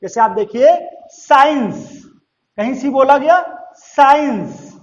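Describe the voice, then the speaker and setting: A man teaching a lesson to students, repeating each rule slowly and asking them questions before answering himself. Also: very high-pitched, expressive. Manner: slow, drawn-out repetition of rules; addresses students directly, asks and answers questions. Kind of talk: classroom-style lesson. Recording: roomy, slightly dull sound.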